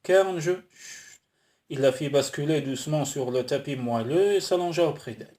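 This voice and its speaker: A man reading a romance novel aloud as an audiobook narrator, in a measured, smooth storytelling manner. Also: medium pitch, a little mellow. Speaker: audiobook reader.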